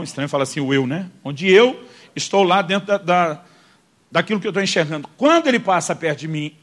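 A Brazilian man preaching, a pastor with a rather high voice. He tells his story animatedly to the congregation, acting out the lines of the people in it. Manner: animated storyteller, addresses listeners as "irmão", acts out quotes. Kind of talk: sermon storytelling.

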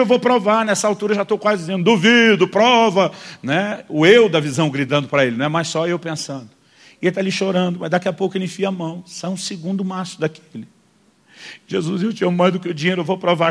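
A Brazilian man, a pastor, telling a vivid story in a sermon, calling listeners "brother" and acting out the people he quotes. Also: high-pitched. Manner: animated storyteller, addresses listeners as "irmão", acts out quotes.

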